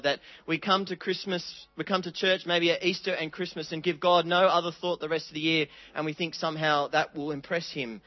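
A man preaching a sermon, earnest and dramatic, reading scripture aloud with quiet pauses. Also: a little high, dry recording, muffled recording.

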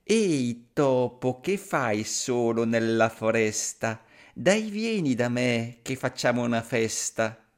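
A man's voice: mid-range voice, lively intonation, takes it slowly. A man voicing a sly grey snake in a storybook reading, drawing out his words.

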